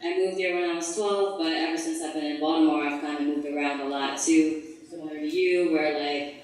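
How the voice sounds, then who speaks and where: A young woman from the Philippines talks about her art in a loose, chatty way, with plenty of "um"s and "like"s. Her voice sits low and calm. She is picked up from a distance in a very echoey gallery room. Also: fairly quick. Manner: relaxed, chatty, many fillers like "um" and "like". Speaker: artist. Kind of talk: casual artist talk. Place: gallery event space. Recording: echoey room, heard from far off.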